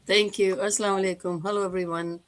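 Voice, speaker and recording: A woman's voice: medium pitch, little pitch movement, fast talker, no echo. A woman in her sixties from Fiji, a business mentor, speaking friendly and direct on an online panel. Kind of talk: online group discussion.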